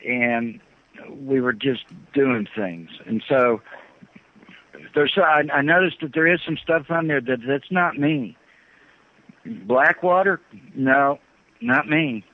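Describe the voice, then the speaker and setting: Guy talking over a crackly narrow phone line, kinda halting, says stuff twice. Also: medium pitch, dry recording. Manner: halting, repeats himself, earnest storytelling. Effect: phone line, heard over the phone. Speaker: phone-in guest. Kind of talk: casual phone interview. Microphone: telephone, satellite phone.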